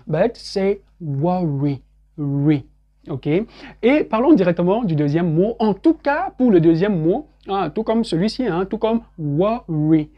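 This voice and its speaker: A man giving an online English pronunciation lesson. He drills words slowly, repeats them several times and often adds little check-in tags. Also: sits high, expressive, dull audio.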